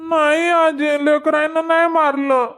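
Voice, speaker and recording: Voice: high-pitched, little pitch movement, a little slow, fairly bright tone. An actor voicing a sulky, whiny little village boy in a cartoon comedy, speaking with a Vidarbha Marathi accent and complaining to his grandmother.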